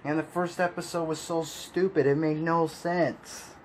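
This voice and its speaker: Steady and measured, a man with a voice on the high side delivers opinion commentary for video, with slight background noise. It comes across as a frustrated, exasperated rant where he sighs, laughs, and repeats himself.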